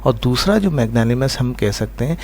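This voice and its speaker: A man teaching English vocabulary in a lesson. He explains each word, checks in with "right?" after each point, and slows right down to pronounce the English words. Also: medium pitch, expressive, darkish tone.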